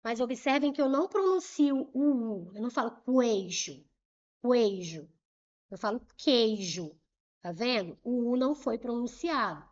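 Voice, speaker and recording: A woman teaching Portuguese grammar with a Brazilian accent, spelling out letter pairs and repeating words slowly to show how they sound, checking in with short questions. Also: on the high side, expressive, muffled recording. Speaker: Portuguese teacher for civil service exams. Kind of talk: explaining grammar at a whiteboard.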